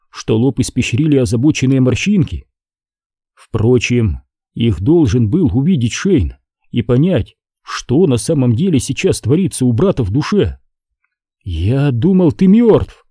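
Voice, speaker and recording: A man reading a dark sci-fi horror novel aloud as an audiobook narrator. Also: medium pitch, sing-song, normal speed, husky, dry recording, studio quality. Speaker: audiobook reader. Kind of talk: scripted narration.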